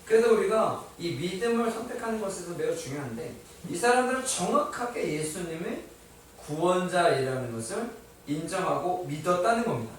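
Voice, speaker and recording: A man preaches in a lively, rising and falling voice, putting questions to the congregation and then answering them himself. He sounds slightly higher than most men. The sound is a long, echoey church hall picked up from some distance, with faint background noise. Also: brisk. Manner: lively, emphatic preaching with light humor. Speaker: pastor. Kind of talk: sermon. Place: church sanctuary.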